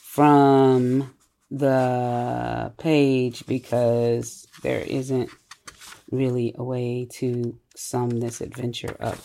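A podcast co-host in a casual book discussion, retelling the story in an animated way with many fillers and frequent laughter. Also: medium pitch, very slow, vocal fry, slight background noise. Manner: laughs often while retelling.

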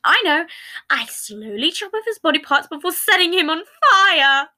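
Girl doing a gleeful chaotic guy, gory jokes tumbling out, high bright voice. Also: very animated, full character voice. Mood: manic. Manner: blurts rapid gory jokes, stumbling. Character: manic gleeful young man, morbid and chaotic. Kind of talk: fan fiction read aloud.

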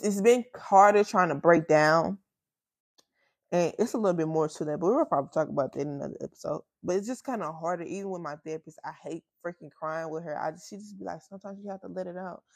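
A woman in her twenties hosting her podcast, talking candidly and emotionally in casual slang, close to tears and pausing often. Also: fairly low pitch, dry recording. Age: 20s. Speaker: podcast host. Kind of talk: personal casual chat.

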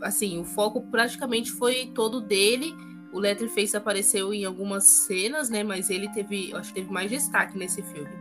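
A woman co-hosting a casual movie review podcast, talking in a chatty, drawn-out way with fillers. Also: mid-range voice, steady tone, over music. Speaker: podcast co-host.

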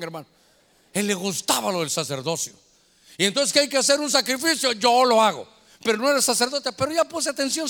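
A male pastor preaches in a high, swooping voice, acting out the people in his story. His tone is bright and ringing. The sound carries a long hall reverb. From Guatemala. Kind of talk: sermon.

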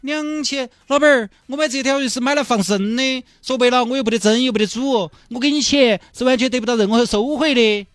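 A man with a Sichuanese accent voicing an excitable, soft-hearted man who gushes and wheedles for a dolphin's life. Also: a little fast, hardly any pauses, no echo, studio quality. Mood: wheedling. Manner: shrill, gushing, wheedling.

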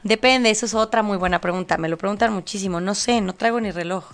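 A woman with a Mexican accent, a guest on an interview show, telling stories in lively casual chat and acting out the voices of the people in them. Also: medium pitch, fast talker, faint music behind. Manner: animated storytelling, acts out quoted voices, laughs often. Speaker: angel medium guest.

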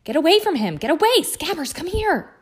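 A woman's voice: fairly low pitch, brisk, close to an everyday voice. A woman voicing a panicky, hotheaded teenage schoolboy wizard in a storybook reading. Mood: shouting. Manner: hissing then shouting, hotheaded.

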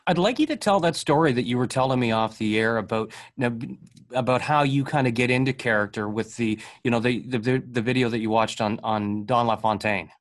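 Male podcast host, mid-pitched, encouraging, stumbles over repeated words. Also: brisk. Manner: encouraging, stammering restarts. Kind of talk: casual interview chat.

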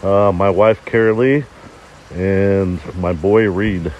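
A man's voice: low-pitched, fairly even intonation, slow pace, a little mellow, lo-fi sound, slight background noise. A man in his fifties from Arizona, giving plain, short answers in a casual interview at a campground. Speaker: interview guest. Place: campground outdoors.

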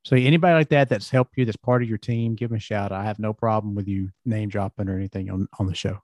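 A man's voice: lowish voice, steady tone, quick pace, a little mellow, no room sound, studio quality. A middle-aged man with a Southern US accent hosting a casual interview, telling folksy, rambling stories. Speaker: podcast host.

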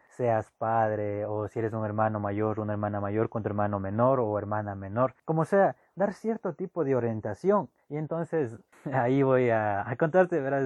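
Young man, animated anecdote teller; dry, muffled lo-fi take. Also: medium pitch, dry recording. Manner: animated, swings between loud bursts and hushed asides. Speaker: storyteller. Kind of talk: casual personal anecdote. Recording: dull lo-fi dry recording.

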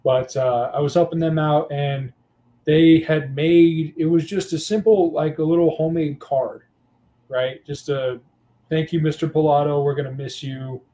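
A man's voice: on the high side, moderate pace. A young adult man, a guest on a casual podcast, telling teaching stories with lots of fillers. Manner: storytelling, animated, many fillers.

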